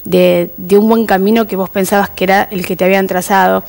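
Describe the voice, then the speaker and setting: A woman's voice: mid-range voice, steady tone, brisk, creaky, darkish tone. A woman with an Argentine accent, a TV interview guest recounting her experience earnestly and vividly, quoting dialogue. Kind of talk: personal storytelling in a TV interview.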